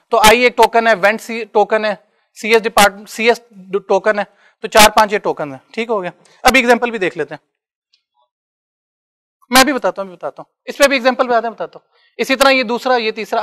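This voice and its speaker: A male university lecturer with a high, sharp-toned voice talks casually to a classroom of students. He's conversational and keeps checking whether they're following.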